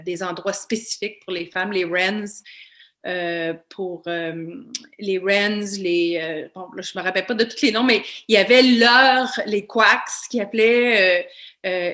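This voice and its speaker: A woman's voice: medium pitch, a bit bright. A woman, a veteran giving a casual online presentation full of fillers and restarts over a video call. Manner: anecdotal, many fillers and restarts.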